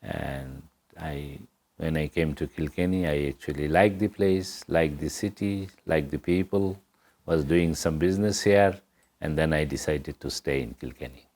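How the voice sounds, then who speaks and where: Slow, deep-voiced Bangladeshi-born man. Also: darkish tone. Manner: earnest, plain-spoken, non-native English grammar. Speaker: guest. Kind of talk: interview answers.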